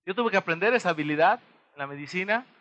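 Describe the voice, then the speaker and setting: A man with a Mexican accent giving a motivational talk to an audience, pausing to throw them rhetorical questions and act out little dialogues. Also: high-pitched, animated, a bit bright, lo-fi sound. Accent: Mexican Spanish. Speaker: motivational speaker.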